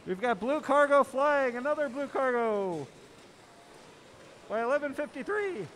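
A man calling a robotics match live as announcer, excitable and full of exclamations. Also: extremely high pitch, a little slow, a little hiss or hum. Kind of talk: live play-by-play commentary.

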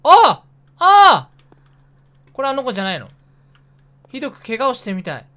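This man's voice is very high-pitched, pushed and bright, swooping wildly in pitch. He's casually commentating a horror game he's streaming, narrating his moves to himself, and keeps yelping with sudden, rapid startled outbursts.

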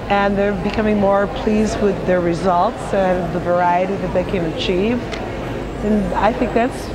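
A woman explaining a photography exhibit in an interview, pausing to check her numbers. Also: mid-range voice, heavy background noise. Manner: counting figures, self-correcting. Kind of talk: casual interview. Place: indoor exhibition hall.

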